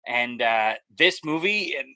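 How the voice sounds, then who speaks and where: A man's voice: mid-range voice, lively intonation, a little slow, pushed and bright, dry recording. A middle-aged man from Canada co-hosting a casual podcast, rambling along with lots of fillers. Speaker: podcast co-host. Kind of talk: casual chat.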